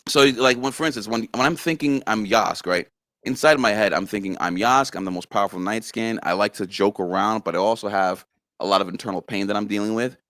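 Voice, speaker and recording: A man's voice: on the low side, fairly quick, no echo. A man being interviewed about his story series, talking animatedly and repeating words as he thinks. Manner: animated, slips in and out of character voices. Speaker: guest, creator of a story series. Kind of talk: casual interview chat.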